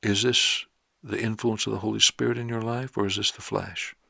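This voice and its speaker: Gravelly low-voiced male preacher. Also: flat delivery, moderate pace, pushed and bright, dry recording, studio quality. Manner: emphatic, fires rhetorical questions. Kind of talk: sermon.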